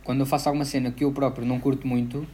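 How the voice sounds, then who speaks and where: A man's voice: mid-range voice, little pitch movement, very fast, mellow. A young man chatting casually as an interviewer, using plenty of slang and fillers. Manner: slangy, full of filler words. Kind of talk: casual chat.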